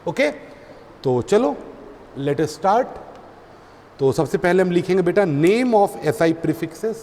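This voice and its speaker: High-voiced male physics teacher drilling students. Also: sing-song, takes it slowly, a little mellow. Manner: addresses students as "beta", repeats terms for drilling. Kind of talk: classroom lecture. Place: classroom. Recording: long reverb, faint background noise.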